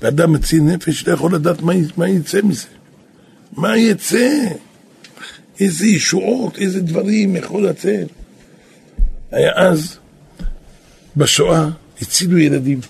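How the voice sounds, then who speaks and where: A man, a rabbi and yeshiva head, telling a story in a sermon, animated and now and then calling out quoted lines loudly. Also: sits high, long pauses, slight background noise. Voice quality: raspy.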